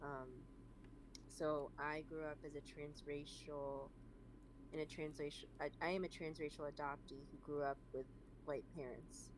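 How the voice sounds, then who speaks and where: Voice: medium pitch, level tone, measured pace. Chatty young American guest, noisy recording. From born in China, raised in San Francisco. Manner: chatty, many fillers like "um" and "like". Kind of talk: casual interview conversation.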